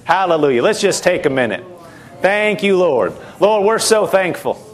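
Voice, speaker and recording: High-voiced fervent male preacher. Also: lively intonation, moderate pace. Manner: fervent, repetitive preaching with frequent hallelujahs. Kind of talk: sermon.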